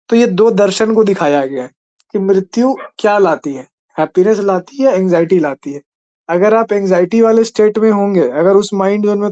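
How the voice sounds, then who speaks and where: A man's voice: high voice, mellow, muffled recording. A man teaching an exam-prep class in a conversational way, often checking in with his listeners. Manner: conversational, keeps asking "ठीक है?".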